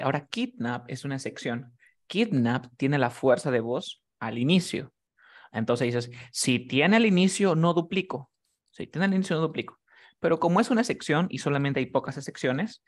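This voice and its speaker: Patient man teaching grammar rules. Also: mid-range voice. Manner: patient, keeps checking understanding with questions. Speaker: English teacher. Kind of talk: live classroom explanation.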